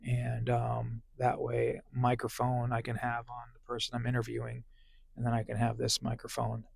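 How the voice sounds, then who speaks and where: A man's voice: mid-range voice, monotone, moderate pace, gravelly, a little mellow, breathy edge, no room sound. A man casually vlogging from his parked car as a delivery driver, rambling with lots of fillers, on a small clip-on mic. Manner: rambling, filler-heavy talk. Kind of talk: casual vlog chat. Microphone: small clip-on phone microphone.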